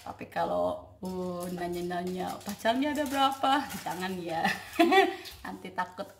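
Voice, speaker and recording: Eine junge Frau aus Indonesien mit indonesischem Akzent, die als Familien-Vloggerin fröhlich und singend mit ihrem Kleinkind in die Handykamera plaudert. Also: female voice, fairly low pitch, animated, normal speed, a little hiss or hum. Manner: cheerful sing-song baby talk with her toddler. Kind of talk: casual chat to camera. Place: living room, on a sofa. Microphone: phone camera at arm's length. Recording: echoey living room.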